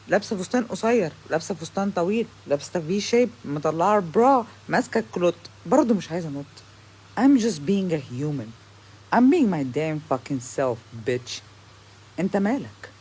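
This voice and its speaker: Fast, husky Egyptian woman ranting. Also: medium pitch, darkish tone. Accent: Egyptian Arabic. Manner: sarcastic, heated, slips into English phrases. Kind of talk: ranting monologue to camera.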